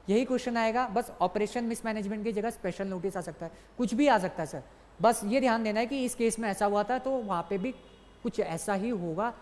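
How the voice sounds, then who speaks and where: Young male tutor, long reverb. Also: high voice. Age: young adult. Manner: brisk and coaxing, says "sir" to students constantly; repeats key points for emphasis. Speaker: exam tutor. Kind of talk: online exam-prep lecture. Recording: long reverb, as in a large hall.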